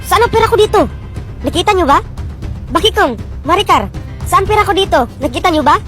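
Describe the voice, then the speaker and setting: Woman voicing a loud, high, scolding cartoonish mom in a storytime skit. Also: expressive, a little fast, faint music behind. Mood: frantic. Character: frantic mother hunting her missing money.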